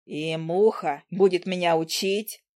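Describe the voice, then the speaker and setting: A woman voicing a spiteful young man, an ex-boyfriend who jeers and sneers in a slow, lowered voice. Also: steady tone, a little mellow, lightly acted. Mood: sneering. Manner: sneering and mocking.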